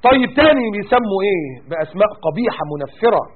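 A man preaching in an Egyptian accent, animated and mocking, firing off rhetorical questions. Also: high voice, quick pace, narrow, tinny audio. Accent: Egyptian Arabic. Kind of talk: sermon.

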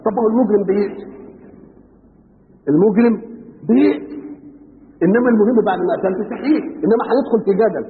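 A man's voice: high voice, very fast. A man with an Egyptian Arabic accent preaching a sermon that explains scripture. He keeps asking his listeners rhetorical fill-in questions. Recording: old radio broadcast, tinny band, hall reverb, faint hiss.

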